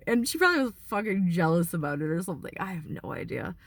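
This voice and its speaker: A woman vlogging from her car in a casual, rambling monologue, swearing freely, filling every pause with "like" and slipping into heated rants. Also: on the low side, very animated, gravelly, no room sound. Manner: rambling and profane, heavy use of "like"; heated ranting. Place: inside a car.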